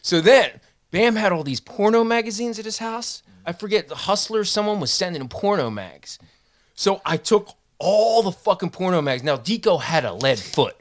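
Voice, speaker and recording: Male podcast co-host, casual profane storyteller, higher-pitched, very animated delivery. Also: normal speed. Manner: animated, swearing, mimics others in a higher voice.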